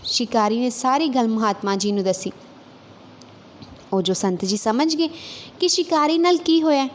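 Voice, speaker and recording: A woman telling a religious moral story in a steady, clear narrating voice. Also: on the high side, moderate pace, slight background noise.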